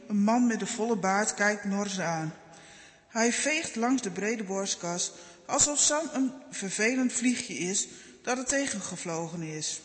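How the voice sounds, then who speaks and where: A man reads a children's Bible story in a gentle, measured way. His voice sits high and light, and a long reverb hangs on each sentence. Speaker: narrator.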